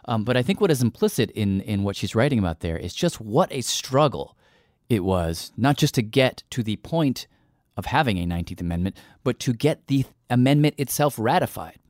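A man's voice: mid-range voice, big pitch swings, normal speed, a little mellow, no room sound, studio quality. A man hosting a radio show, talking thoughtfully with some hesitation as he introduces a story. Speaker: podcast host.

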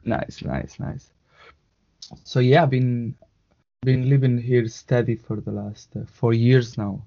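A man with a Spanish accent, a native Catalan speaker, talks as a guest in halting phrases, restarting often and adding little tag questions. His voice is mellow and soft-edged. The sound comes through a dull, muffled video call. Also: mid-range voice, little pitch movement, creaky. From Spain. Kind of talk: casual interview chat.

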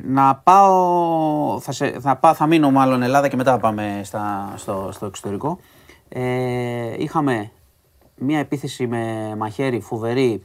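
A man hosting a podcast, recapping news stories to a co-host in a casual, conversational way with asides and hesitations. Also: mid-range voice.

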